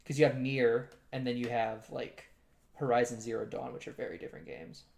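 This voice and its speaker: Young male co-host, gravelly fry, relaxed halting chat. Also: mid-range voice. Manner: easygoing, halting, laughs often. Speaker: podcast co-host. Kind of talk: casual chat.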